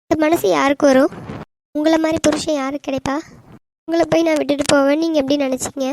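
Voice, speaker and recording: Woman doing a young cartoon wife, devoted and earnest, high bright voice, faint noise behind. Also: fairly even intonation, fast talker. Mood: soothing. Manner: earnest, pleading. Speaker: voice actor. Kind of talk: animated cartoon dialogue.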